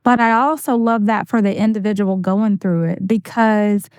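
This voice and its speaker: A woman's voice: medium pitch, fairly even intonation, moderate pace, darkish tone, dry recording. A woman hosting a podcast interview, encouraging and affirming her guest as she talks. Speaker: podcast host.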